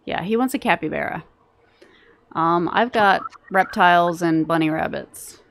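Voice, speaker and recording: A woman's voice: on the low side, measured pace, a bit bright. A woman in her thirties hosting a casual chat, giggling and reading out viewer comments. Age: 30s. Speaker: vlog host.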